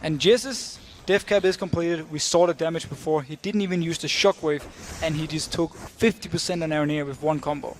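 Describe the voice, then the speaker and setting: High-voiced guy breaking down esports strategy really fast, faint noise in the back. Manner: analytical, explains strategy. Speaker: esports color commentator. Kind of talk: analytical game commentary.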